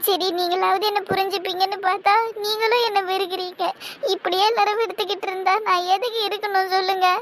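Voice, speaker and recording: A woman's voice: very high-pitched, little pitch movement, fast talker, over a noisy crowd. A woman voicing a hurt young woman who pleads that everyone hates her, in an amateur audio drama. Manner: plaintive, pleading, self-pitying.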